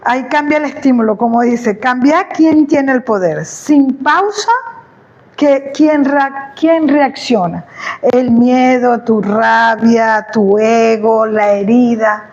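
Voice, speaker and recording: A woman, speaking as a therapist in a lively, chatty way about inner peace, often checking whether she is understood. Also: fairly high pitch, slow, muffled recording. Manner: chatty, animated, asks "¿me entiendes?". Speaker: host, therapist. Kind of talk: conversational talk on inner peace.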